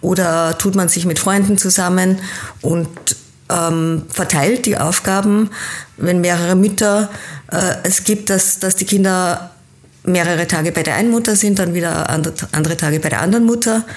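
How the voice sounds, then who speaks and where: A woman from Kenya speaks as an interview guest in a fairly low voice. She explains things at length and thoughtfully, often pausing to hesitate. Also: steady tone. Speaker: interview guest, team-building coach.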